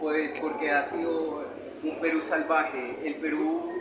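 A man's voice: a little high, little pitch movement, slow. A man, a touring cyclist answering a street interview plainly, listing details with fillers. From Colombia. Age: 20s. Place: outdoors in a town square. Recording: loud street noise, camera mic.

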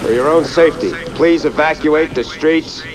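A man making a stern police emergency announcement over an outdoor loudspeaker, repeating commands to the public. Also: a little high, moderate pace. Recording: distant loudspeaker over street noise.

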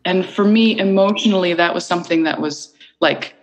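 A woman's voice: lowish voice, a little fast, lo-fi sound, a little hiss or hum. A middle-aged woman from Iceland, an interview guest talking thoughtfully and searching for her words. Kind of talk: reflective conversational interview.

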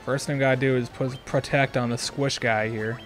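A man's voice: medium pitch, steady tone, fairly quick, faint music behind. A young man hosting a let's play, thinking aloud in casual, chatty commentary.

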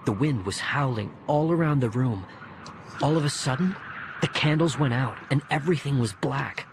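An audiobook narrator with a medium-pitched voice reads a first-person story at a moderate pace, expressively acting out the dialogue. Music plays behind his voice, along with some background noise.

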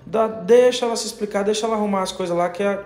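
A man's voice: high-pitched, fast, roomy sound, faint music behind, pitched above the performer's own voice, natural voice. A man doing a coaxing young wife. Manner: coaxing, repeating calm. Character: wife soothing her angry husband, adult woman.

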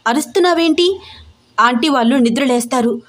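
A hurt young woman, sharp and scolding, pushing her lover away, as a female storyteller puts her on. Her voice sits fairly high in this audio story. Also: a little fast, natural voice. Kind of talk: audio story character reading.

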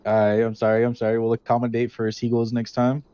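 Male fast-food worker in improvised game role-play, laid-back and slangy, mid-pitched, slightly muffled voice-chat sound. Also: monotone, warm tone, clean tone, no echo. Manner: laid-back slang, often says dude. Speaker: role-player as burger shop worker.

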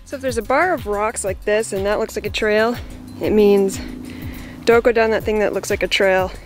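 Over music, a young woman newspaper reporter chats casually while hiking a forest trail, tossing the viewer offhand tips in this hiking vlog; some lines come from a car. Her voice is medium-pitched at a moderate pace.

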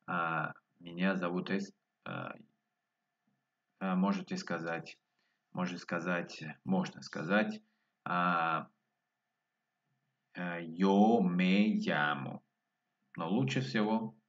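A man teaching Spanish in an online lesson, slowly repeating each word twice, heard on muffled lo-fi audio. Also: low-pitched.

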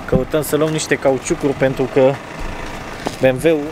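A Romanian man in his thirties vlogs casually about cars, holding a phone or camera at arm's length outdoors near garages, a car and a restaurant. His medium-pitched voice barely rises or falls, and the background is noisy. He chats and rambles to his viewers, often restarting his sentences.

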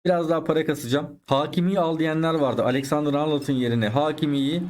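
A man's voice: on the high side, fairly even intonation, fast, a little mellow. A man giving chatty live commentary over his own football video game, talking to his viewers and exclaiming at the plays. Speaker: gaming YouTuber.

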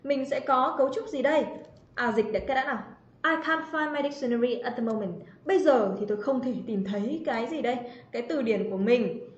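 This woman's voice is high-pitched and a little fast. She teaches English grammar on a livestream, chatty and teasing as she calls out students by name, and the audio sounds roomy and slightly dull.

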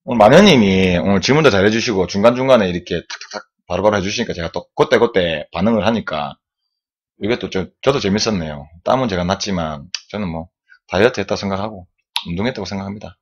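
Talking fast in a low voice with the high frequencies cut off, a swimming instructor streams live from an indoor room. He's sweating after a swim and keeps repeating "like this" as he shows how to do the arm strokes.

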